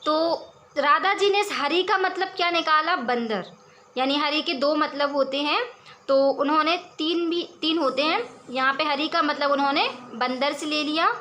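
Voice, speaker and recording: In a poetry lesson, a woman whose voice is bright and high reads every verse at a slow pace before explaining it with calm, steady patience. Her delivery is clear and instructive, and there is slight background noise.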